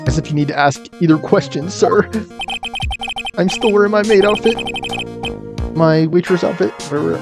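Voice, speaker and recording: A man acts out an earnest young waitress from a video game, devoted and polite. The pitch is lifted well up. Music is clearly heard behind the lines. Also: normal speed, pauses often. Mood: indignant.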